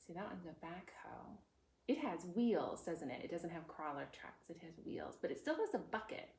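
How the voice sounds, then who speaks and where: Leading a preschool storytime, this woman reads aloud and talks expressively, peppering the little ones with questions between chatty explanations. Her voice is fairly low and a touch mellow, sing-song at a normal speed, and the echoey room carries some background noise.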